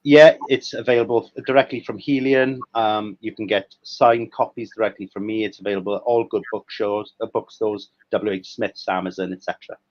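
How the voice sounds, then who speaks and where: A man's voice: on the low side, fairly even intonation, normal speed, few pauses, dry recording. A Welsh man in his thirties, a guest historian talking hesitantly over a video call, with many fillers and restarts. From Wales. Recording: dry, slightly muffled video call audio.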